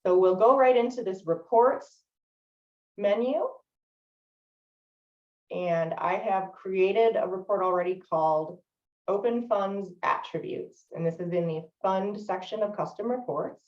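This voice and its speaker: A woman's voice: medium pitch, a little slow, lo-fi sound. Woman trainer on distant echoey webinar audio. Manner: steady explanatory delivery with frequent um fillers. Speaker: software trainer. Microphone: video call microphone.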